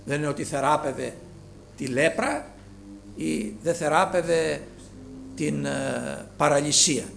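A man preaching a sermon with fervor, rising to loud calls and dropping low. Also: expressive, gravelly, slight background noise.

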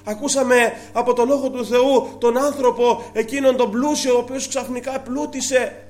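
A man's voice: very high-pitched, fairly even intonation, a little mellow, faint music behind. A man preaching a sermon to his congregation, asking rhetorical questions and quoting scripture earnestly.

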